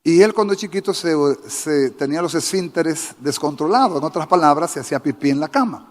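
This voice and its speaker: Male preacher, fairly high-pitched, fervent, quizzes the congregation; long church-hall reverb. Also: animated, a little fast. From Dominican Republic. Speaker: pastor. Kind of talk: sermon. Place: church sanctuary.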